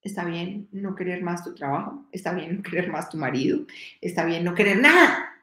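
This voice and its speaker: A woman giving a live-streamed motivational talk, animated and addressing her audience directly, with stories. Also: on the low side, moderate pace, roomy sound. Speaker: motivational speaker.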